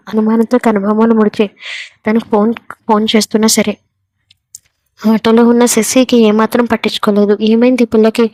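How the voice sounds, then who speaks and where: A woman reading a serialized romance story aloud in a steady storytelling manner. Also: a little high, no room sound. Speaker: narrator. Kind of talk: scripted narration of a serial story.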